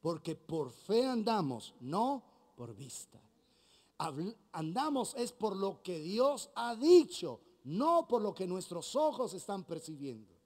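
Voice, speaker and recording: Animated Colombian pastor preaching. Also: male voice, high-pitched, takes it slowly. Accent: Colombian Spanish. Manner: animated preaching, acting out dialogue. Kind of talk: sermon.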